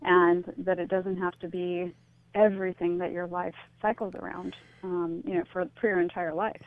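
A woman author is interviewed as a guest on radio over a narrow, phone-like line, earnestly explaining her views in a conversational way. Her voice is lowish and level in tone, at a moderate pace, with no echo.

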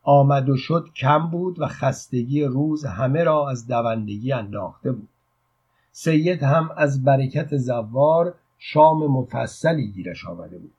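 Husky male audiobook narrator, steady measured reading, muffled lo-fi sound. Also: mid-range voice.

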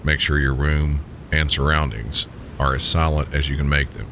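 A man with a Southern US accent narrates like a sleep story host, soothing listeners in a calm, gentle, unhurried manner. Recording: steady low rumbling background noise. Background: low pink-noise rumble.

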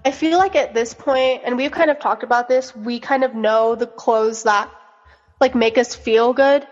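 A woman's voice: a little high, moderate pace. A young woman co-hosting a casual chat, talking in a girly way with lots of "like". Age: young adult. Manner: girly, filler-heavy talk peppered with "like". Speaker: podcast co-host. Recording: dull, echoey lo-fi recording.

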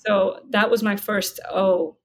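A woman guest in an interview, talking in a calm, reflective way. She lets her words slow down when she stresses a point. A faint noise sits under the recording. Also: mid-range voice. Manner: calm, reflective, slows down for emphasis. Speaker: spiritual guide and interview guest. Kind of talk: conversational interview.

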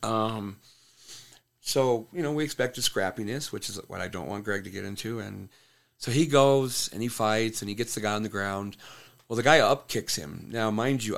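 A lowish, creaky, slightly bright voice belongs to a man who coaches and fights in MMA. As a podcast guest, he relates a fight story plainly and casually, cursing freely.

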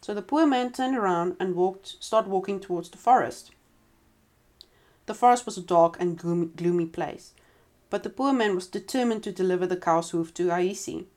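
With a fairly low, darkish voice at a moderate pace, a female storyteller reads a folk tale to a listener. She keeps it conversational, frequently stopping for offhand remarks and starting over.

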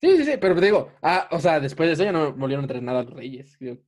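A man's voice: a little high, expressive, rapid-fire, darkish tone. A young man with a Mexican Spanish accent, telling a story in a casual podcast chat and laughing often.

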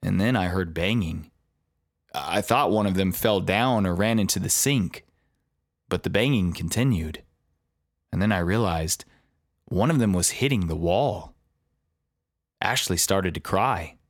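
Reflective male memoir narrator with a low, dry voice. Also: measured pace, pauses often, no echo. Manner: reflective, confessional.

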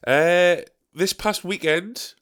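Slow and fairly bright in tone, a man with a stuffy, deep, gravelly, nasal voice is getting over a cold while hosting his casual solo podcast. He wanders off topic, swears liberally and laughs at his blunders, speaking into a poorly set-up desk microphone in a dark bedroom.

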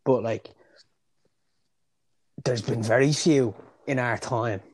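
An Irish man co-hosting a casual podcast chat, thinking out loud and swearing now and then. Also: medium pitch, fairly even intonation, slow pace. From Ireland. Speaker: podcast co-host. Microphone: remote call mic.

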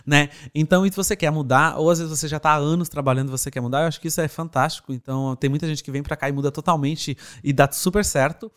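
Brazilian guy talking fast, smooth clear voice, upbeat, gives advice with lots of "right?". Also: a little high, steady tone, a bit bright. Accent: Brazilian Portuguese. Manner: upbeat, advice-giving, storytelling with many tag questions. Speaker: guest sharing experience of living abroad. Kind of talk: casual interview chat.

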